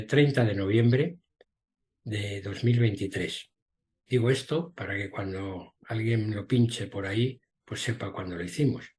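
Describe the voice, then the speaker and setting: A man's voice: fairly low pitch, a little mellow. A man hosting an online lecture, formally reading out the speaker's introduction over a video call. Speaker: host. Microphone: video call mic.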